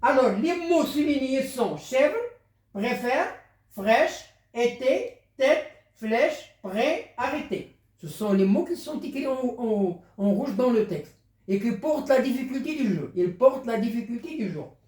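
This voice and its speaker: A teacher explaining a French spelling lesson, slow, repetitive and patient. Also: mid-range voice, expressive, darkish tone. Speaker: primary school teacher. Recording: roomy, distant from the mic.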